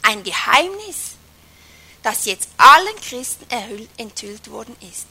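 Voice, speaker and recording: High, bright woman preaching with emphasis. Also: very animated, husky. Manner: emphatic, varies loudness a lot, drops to a whisper at times; slows down to stress key phrases. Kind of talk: sermon.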